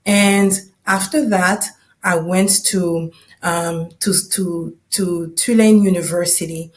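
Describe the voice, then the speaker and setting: A woman from the Democratic Republic of the Congo, whose first language isn't English, hosts a podcast and tells listeners a personal story in English. Her voice sits on the low side, with a steady tone and a slow pace. She keeps it conversational, often checking in with "right?" and "you know."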